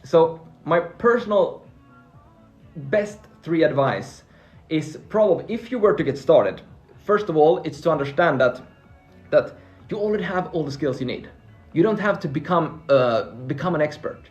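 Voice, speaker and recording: This upbeat host is from Finland, speaks Swedish as his first language, and fields viewer questions about freelancing in a relaxed live session. His voice sits fairly high and is expressive at a moderate pace. He stumbles over words and starts over when reading comments, while soft music plays faintly behind him.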